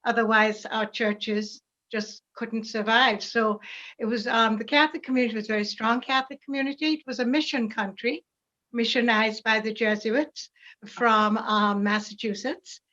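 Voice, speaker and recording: Older jamaican lady, kinda high voice, calm and reflective, muffled lo-fi sound. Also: moderate pace. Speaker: parishioner guest. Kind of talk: casual interview.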